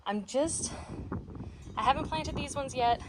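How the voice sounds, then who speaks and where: A woman's voice: sits high, measured pace. A young woman vlogging in her backyard garden, chatty and rambling as she works, and out of breath. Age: young adult. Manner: chatty, rambling, talks while working. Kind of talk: casual chat while gardening. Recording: faint outdoor noise, windy.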